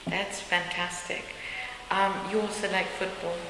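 A woman's voice: mid-range voice, level tone, a little slow. A woman conducting a casual interview in a chatty way, often turning answers back into questions. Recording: echoey room, faint hiss.

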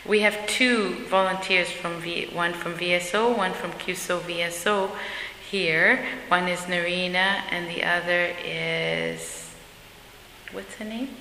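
A woman's voice: fairly low pitch, fairly even intonation, a little slow, bright, forceful tone. A woman conducting a casual interview in a chatty way, often turning answers back into questions. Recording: echoey room, faint hiss.

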